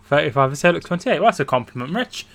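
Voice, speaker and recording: A young man from England chats through a football watchalong stream, reading viewer comments aloud as they come in. His voice sits a little high for a man. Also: very animated, rapid-fire, creaky, crowd noise. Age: 20s. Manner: chatty, reads out viewer comments. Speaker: livestream co-host. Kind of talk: casual football watchalong chat.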